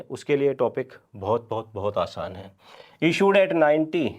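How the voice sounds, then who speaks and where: A man's voice: medium pitch, a little mellow, highs cut off. Man teaching, answering his own questions. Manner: quizzes students with questions he answers himself; dictates journal entries slowly word by word. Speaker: commerce teacher. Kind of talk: revision lecture.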